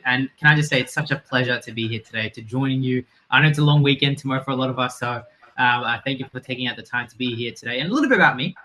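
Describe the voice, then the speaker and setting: A man's voice: medium pitch, sharp tone, low-quality recording. A young man speaks on an online panel, enthusiastic and earnest. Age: young adult. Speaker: panellist, youth advocate. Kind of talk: casual panel talk. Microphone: online video call.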